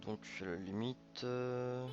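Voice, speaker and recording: A man's voice: medium pitch, steady tone, slow, muffled recording, over music. A man hosting a programming tutorial, thinking aloud informally with many fillers and self-corrections. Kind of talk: casual coding screencast narration.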